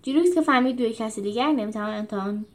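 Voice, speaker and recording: A woman narrating a storybook at a steady pace. Her voice is fairly high. She hosts the reading as a running series. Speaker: storyteller and host.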